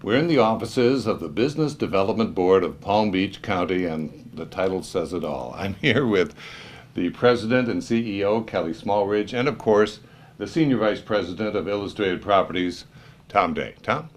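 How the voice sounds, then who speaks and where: Low-voiced American male show host. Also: expressive, moderate pace. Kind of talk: conversational broadcast interview.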